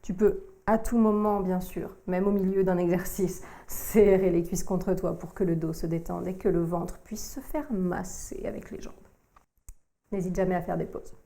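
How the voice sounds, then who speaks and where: A woman, working as a yoga teacher, calmly cueing breath and movement through a core workout. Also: lowish voice. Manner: calm, slow cueing of breath and movement, addressing the listener informally.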